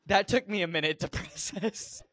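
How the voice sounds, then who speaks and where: A man's voice: high-pitched, moderate pace, fairly bright tone, no echo. A young man co-hosting a casual movie podcast, laughing often and poking fun at his own slips. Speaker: podcast co-host. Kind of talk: casual movie-rewatch chat.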